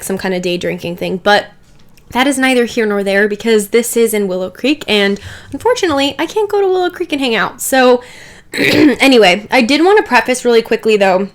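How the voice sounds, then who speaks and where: Still recovering from a cold, a young Sims build creator talks in a mid-range voice that is a little stuffy and dry. She chats loosely as she works on a game build, with plenty of asides and "like"s.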